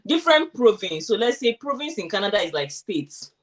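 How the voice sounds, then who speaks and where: Woman, mid-range voice, casual animated storyteller in an interview, slightly distant mic. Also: medium pitch, a little fast. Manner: animated, acts out quoted thoughts. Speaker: interviewee sharing her immigration story.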